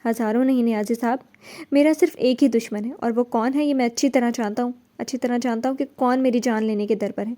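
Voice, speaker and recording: A woman's voice: fairly high pitch, fairly even intonation, dark tone, lightly acted. A woman reading a story aloud, voicing a young man full of grief and remorse over his murdered parents. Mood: grim. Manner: anguished, pleading.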